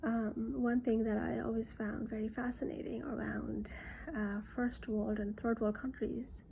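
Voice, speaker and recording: A woman from Nepal, talking in an earnest, reassuring monologue that often drops into soft near-whispers. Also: a little high, little pitch movement, a little slow, gravelly, slight background noise. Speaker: self-reflection vlogger. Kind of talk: casual reflective monologue.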